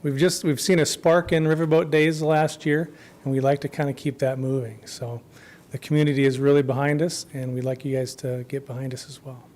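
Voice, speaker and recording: A festival co-chair gives public comment at a council meeting in the chamber, his medium-pitched voice flat, a little fast, and turning hoarse as he loses it. He's informal, using lots of ums, and lets the ends of his phrases fade quietly.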